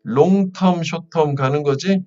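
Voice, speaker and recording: A man's voice: a little high, extremely slow, a little mellow, distant mic, dull audio. A man teaching a lesson on an English reading passage in a casual, chatty way, asking his students if they follow. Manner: casual spoken style, fillers, asks students checking questions.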